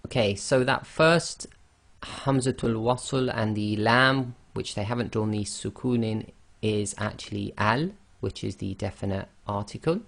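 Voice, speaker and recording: A man teaching a slide-based online lesson, explaining slowly and carefully and often checking in with "okay". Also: fairly low pitch, fairly even intonation, gravelly, fairly bright tone. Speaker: Quran recitation teacher.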